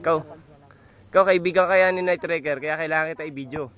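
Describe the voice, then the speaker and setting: A man's voice: fairly high pitch, fast, fairly bright tone. A man casually teasing his friends and joking as he films an outdoor trip. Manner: joking, laughing often, playful chanting. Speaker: person filming an outing. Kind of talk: casual teasing commentary while filming. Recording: outdoor wind and ambient noise.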